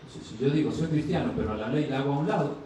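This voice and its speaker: A man's voice: mid-range voice, racing, mellow, slight background noise. A male pastor preaching a sermon, asking the congregation questions and acting out short dialogues in a raised voice. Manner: asks the congregation questions and answers them; acts out dialogues with rising voice. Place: church sanctuary. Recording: distant mic in a very echoey church.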